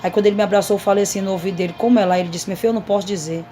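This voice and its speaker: A woman's voice: medium pitch, steady tone, rapid-fire, mellow, soft background music. A woman missionary, giving an earnest, repetitive testimony to a congregation. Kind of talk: emotional testimony sermon.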